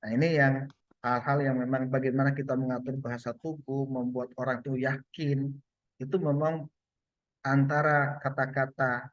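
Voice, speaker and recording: A man's voice: medium pitch, little pitch movement, moderate pace, dry recording. A man giving a loose online training on communication, with many fillers and restarts. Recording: muffled lo-fi sound.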